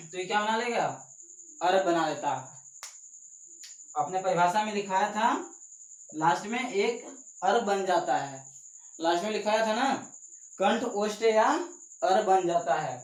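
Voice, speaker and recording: A male teacher giving a classroom lesson, talking slowly and repeating himself, often asking questions that prompt his students to answer and take notes. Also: high voice. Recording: echoey room.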